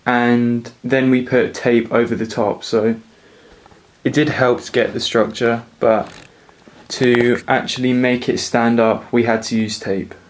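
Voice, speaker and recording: Relaxed young man with a flat voice. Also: medium pitch, rough recording. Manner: relaxed, rambling with fillers. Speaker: vlogger. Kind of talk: casual DIY vlog narration. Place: living room indoors.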